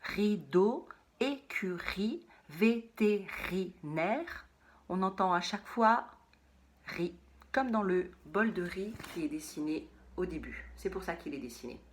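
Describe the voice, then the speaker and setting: A woman teaching a phonics lesson to young children, saying words slowly and repeating them, sometimes in a whisper. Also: lowish voice, a little hiss or hum.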